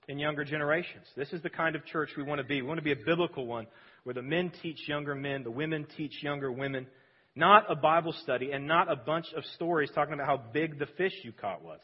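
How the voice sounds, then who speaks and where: A pastor preaching a sermon in a large church sanctuary, earnest and emphatic, often dropping suddenly quiet. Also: male voice, fairly high pitch, breathy edge. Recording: dull lo-fi sound with long hall reverb.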